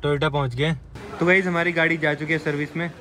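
A man's voice: fairly high pitch, steady tone, pushed and bright. A young man chatting casually to his viewers in a vlog. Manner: quick, chatty, addresses viewers. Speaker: vlogger.

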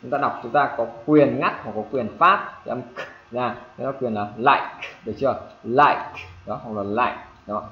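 A man teaching English pronunciation to a class, repeating examples and checking often whether students follow. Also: a little fast. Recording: echoey room, dull low-fi sound, faint hiss.

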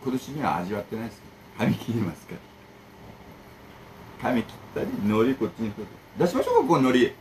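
A man chats casually to camera, rambling from one complaint to the next and back to advice. His mid-pitched voice swings widely up and down as he talks, and a faint hum of background noise sits under it. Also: fairly quick, pauses often, rough recording. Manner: rambling, animated, jumps between complaints and advice. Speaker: bento shop owner and channel host.

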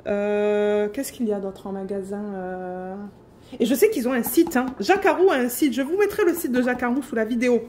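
A woman chatting excitedly on her home craft vlog, filling pauses with fillers and breaking into squeals. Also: fairly high pitch, slight background noise. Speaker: diamond painting vlogger.

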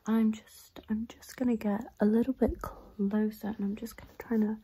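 A young woman doing a fast whispering ASMR doctor role-play in a breathy, unvoiced whisper, close to the mic, chaotically repeating words and phrases. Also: a little high, flat delivery, warm tone, slight background noise. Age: young adult. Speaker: ASMR performer playing a doctor. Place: dim room at home, indoors. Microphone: close to the mic and camera.

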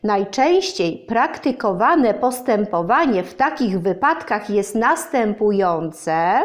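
A self-important old owl who loves long, difficult words, voiced by a woman storyteller. She lectures in a fussy, slow manner. It is a gentle storybook reading for children. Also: medium pitch, sing-song. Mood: lecturing. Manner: pompous, lecturing.

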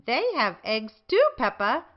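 A woman's voice: fairly high pitch, sing-song, a little slow, dull audio. A woman voicing a kindly old female pig in a children's storybook, instructing children cheerfully. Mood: reassuring. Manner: bright-spirited, instructive to children.

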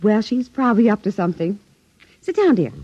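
An actress playing a gentle housewife and mother in 1950s radio acting, with a breathy voice. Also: medium pitch, sing-song, a little fast. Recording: dull 1950s radio recording.

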